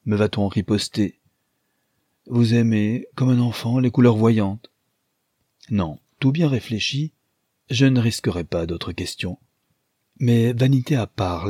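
A man's voice: fairly low pitch, warm tone, breathy edge, no room sound, studio quality. A man voicing Rosamond, a fiery young wife. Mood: teasing tender. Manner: haughty, stamping outbursts, imperious commands. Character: impetuous young wife, tender then fiery-tempered.

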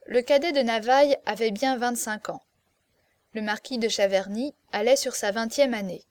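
A woman narrating a classic novel as an audiobook in a steady, expressive storytelling voice. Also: fairly high pitch, normal speed, dry recording.

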